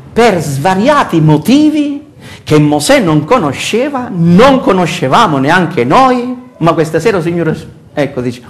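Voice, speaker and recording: An older man with a Sicilian Italian accent preaches to his congregation, his voice rising high and swinging widely in pitch. He speaks slowly and deliberately, throwing out rhetorical questions. He is picked up from across a church hall by a distant camera. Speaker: pastor. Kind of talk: sermon. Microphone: far camera.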